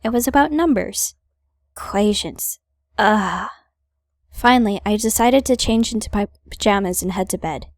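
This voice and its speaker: A woman's voice: a little high, lively intonation, a little fast, few pauses, no echo. A woman hosting a gaming video, reading visual novel narration aloud with playful, wry casual asides.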